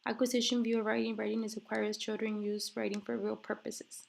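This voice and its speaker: A female student goes through a textbook chapter, reading from slides and explaining them loosely with plenty of fillers while coughing at times as she recovers from being sick. She speaks fast in a fairly high, level voice with gravelly fry.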